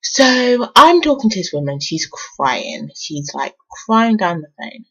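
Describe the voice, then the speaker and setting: A woman's voice: medium pitch, big pitch swings, a little slow, fairly bright tone, husky. A woman telling a story from her own life in a casual vlog, laughing often and swearing freely. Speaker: vlogger. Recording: dull lo-fi sound.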